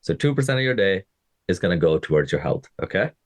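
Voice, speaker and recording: A man in his thirties from Pakistan speaks in a low, deep voice on his podcast. He coaches fitness and talks casually to his listeners, often checking in with them. The recording is close and dry, with no room sound. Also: big pitch swings, fast, no echo. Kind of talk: casual motivational podcast monologue.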